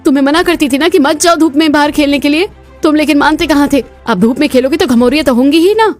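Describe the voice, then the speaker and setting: A woman's voice: high voice, fast talker, faint music behind, voice pushed up, lightly acted. Woman voicing a hardworking young village wife. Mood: scolding. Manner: earnest, scolding, eager. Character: young village daughter-in-law, hardworking and caring.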